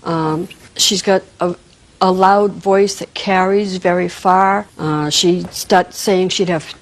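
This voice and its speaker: A woman's voice: fairly low pitch, fairly even intonation, takes it slowly. Matter-of-fact woman litigant in court. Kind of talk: answering a judge's questions.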